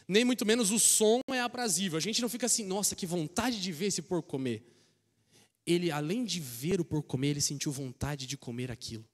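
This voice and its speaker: A man with a Brazilian Portuguese accent preaching a sermon, telling the story in an animated way that swings between soft asides and emphatic rises. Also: high-pitched. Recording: long reverb of a church hall.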